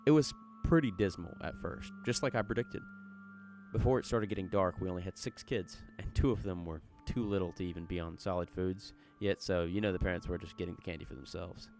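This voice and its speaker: A man's voice: deep voice, fairly quick, a little mellow, faint music behind. A man reading a horror story aloud in a folksy, chatty storytelling manner. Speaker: narrator.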